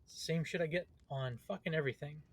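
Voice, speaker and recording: A man's voice: fairly high pitch, quick pace, a little hiss or hum. A man casually commenting on a role-playing game as he plays, swearing freely and reading the game's text aloud. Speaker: let's play host. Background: game music.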